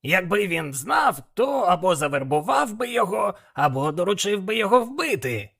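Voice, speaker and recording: A man voicing a cautious, grumbling male devil in an audiobook, speaking in a measured way. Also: sits high, big pitch swings, vocal fry, fairly bright tone, slightly rough, voice pushed up, exaggerated voice. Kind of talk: audiobook character voice.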